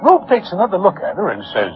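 A man's voice: high-pitched, huge pitch swings, quick pace, music in the background. An actor playing a wry Broadway guy, telling tales in formal slangy diction in 1940s radio style. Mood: wry storytelling. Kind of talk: 1940s radio acting, first-person narration. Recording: dull old radio recording.

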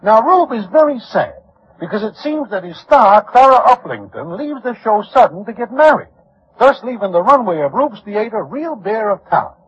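Casting: wry New raconteur, very animated, formal street slang, vintage radio drama on a dull recording. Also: male voice, high-pitched, husky, full character voice. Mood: wry storytelling. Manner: formal slangy diction, deliberate. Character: wry Broadway guy telling tales of gamblers and showfolk. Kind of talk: 1940s radio acting, first-person narration.

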